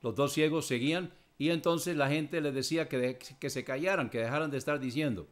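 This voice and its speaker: Man explaining Bible verses aloud. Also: a little high. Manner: reads scripture verses aloud and explains them; measured, explanatory. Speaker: Bible teacher answering listener questions. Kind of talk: Bible question-and-answer teaching.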